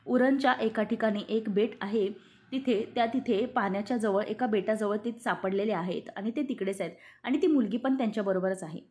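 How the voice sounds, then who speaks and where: A woman's voice: medium pitch, brisk, darkish tone, lightly acted. A woman voicing a male henchman eagerly reporting where someone was found, in a spoken TV serial recap. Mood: urgent.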